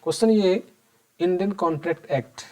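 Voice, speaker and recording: A man's voice: high-pitched, brisk, warm tone. A man teaching an accounting lesson for exam preparation. He talks straight to his students, keeps asking them questions and answers them himself, and repeats the key points. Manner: conversational, addresses students directly and asks them questions. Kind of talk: exam-prep lecture.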